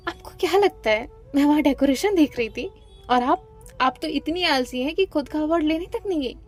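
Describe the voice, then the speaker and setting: A hot-tempered young woman, jealous and sharp-tongued, snapping quick sarcastic comebacks, as a female storyteller plays her. Her voice rides a little high, over faint background music. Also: expressive. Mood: angry, sarcastic. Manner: angry, rapid, sarcastic retorts.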